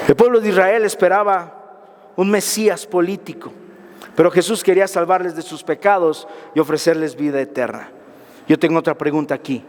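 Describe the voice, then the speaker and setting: A man preaching a sermon as pastor, emphatic and firing repeated questions at his congregation. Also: fairly high pitch. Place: church hall. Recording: reverberant church hall.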